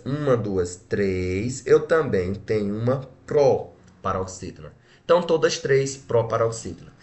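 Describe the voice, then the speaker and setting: A Brazilian man teaching a grammar lesson, splitting words syllable by syllable and checking in with short tag questions. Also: mid-range voice. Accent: Brazilian Portuguese. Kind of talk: exam-prep grammar lesson.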